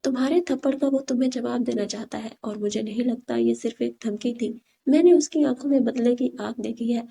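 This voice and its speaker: A woman's voice: fairly high pitch, vocal fry, warm tone. A woman voicing a blunt, protective young man in an audiobook story, talking firmly and plainly. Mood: stern.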